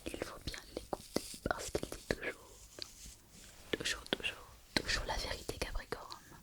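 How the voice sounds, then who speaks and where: A woman playing a mystical fortune teller in a whispered role-play, repeating her phrases as she reassures the listener. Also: close to an everyday voice. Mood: insistent, reassuring. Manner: slow, repetitive fortune-teller delivery, addressing the listener. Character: mystical female fortune teller reading horoscopes, mysterious and reassuring.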